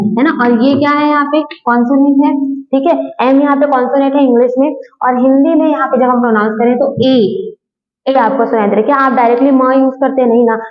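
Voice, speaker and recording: A woman teaching an English grammar lesson. She keeps asking questions and answering them herself, and she explains patiently, going over each point again and again. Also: fairly high pitch. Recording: echoey room, dull lo-fi sound.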